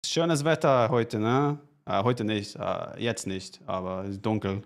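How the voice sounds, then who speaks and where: A man streaming a strategy game, chatting casually with viewers in halting, self-correcting speech and thanking subscribers. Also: fairly low pitch, fairly even intonation, gravelly. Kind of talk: casual live-stream gaming chat.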